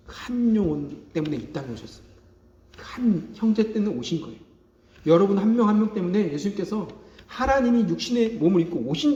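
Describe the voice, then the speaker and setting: Here a man preaches with a warm, fairly high voice, stressing important phrases through repetition and calling out hallelujah so the congregation answers. It's recorded in an echoey church sanctuary with dull, lo-fi quality.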